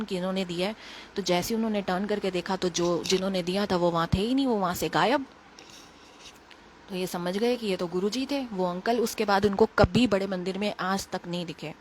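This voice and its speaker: A woman with a Delhi accent telling an emotional personal story in quick, earnest casual speech, recorded on a phone. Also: mid-range voice, slight background noise. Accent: Delhi Hindi. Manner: earnest, emotional, quick retelling with quoted dialogue. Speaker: devotee sharing a testimony.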